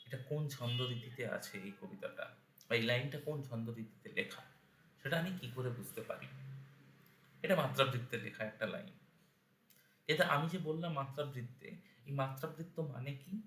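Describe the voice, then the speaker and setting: A man's voice: mid-range voice, a bit bright, reverberant, slight background noise. A man giving a spoken lesson on verse meter, patiently breaking words into syllables one by one. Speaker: teacher of Bengali verse meter.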